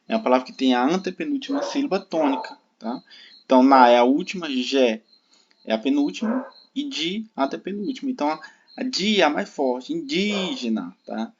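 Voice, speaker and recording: A man's voice: mid-range voice, a little fast. A Brazilian man teaching an online exam-prep grammar lesson in a patient, explaining way, often checking in with his students. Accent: Brazilian Portuguese. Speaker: Portuguese teacher. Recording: dull lo-fi sound with steady background noise.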